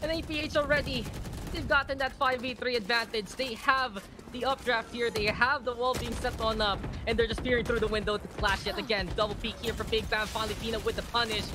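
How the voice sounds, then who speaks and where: A man giving live esports play-by-play as a caster, with colorful phrasing. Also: very high-pitched. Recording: clearly noisy game broadcast audio.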